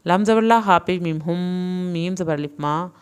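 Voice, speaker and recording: A woman with a low, smooth, resonant voice leads a reading lesson. She spells out each syllable deliberately and joins them into words. Between drills she gives brisk, plain explanations. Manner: explains rules in quicker, plain teacherly asides. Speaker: Quran reading teacher. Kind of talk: recorded online lesson.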